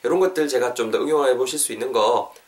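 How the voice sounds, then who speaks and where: A man hosting a casual English lesson podcast, lively and playful, acting out little everyday scenes. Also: mid-range voice, fast talker. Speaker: English teacher and podcast host. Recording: voice a bit far from the mic.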